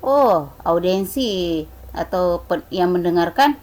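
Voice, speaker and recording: A woman's voice: fairly low pitch, lively intonation, takes it slowly, a little mellow, rough recording. A woman teacher explaining a lesson patiently, repeating points and asking the pupils rhetorical questions. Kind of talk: slow online class explanation.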